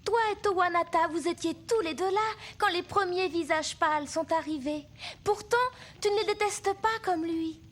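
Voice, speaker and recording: High-voiced young princess Pocahontas. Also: female voice, moderate pace. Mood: worried, questioning. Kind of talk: French animated film dubbing. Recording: music behind the voice.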